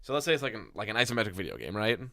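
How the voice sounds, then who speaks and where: A man's voice: on the low side, very animated, racing, gravelly, fairly bright tone, dry recording, studio quality. A man running a tabletop game as game master, rambling and correcting himself as he explains.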